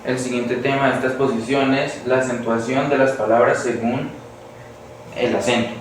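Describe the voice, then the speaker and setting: A man's voice: medium pitch, little pitch movement, moderate pace. Teen boy, Colombian accent, school presentation, hesitant, roomy echo with faint hiss. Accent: Colombian Spanish. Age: teenager. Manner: hesitant, many restarts and fillers. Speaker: student presenter. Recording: echoey room from far off, faint hiss.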